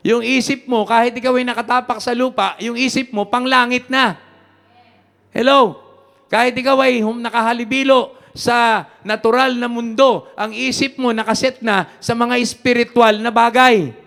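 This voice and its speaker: High-voiced preaching pastor in a reverberant church. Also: male voice, fairly even intonation, moderate pace, creaky. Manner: preaches with call-and-response, rising to shouts; switches between Tagalog and English. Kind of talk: sermon.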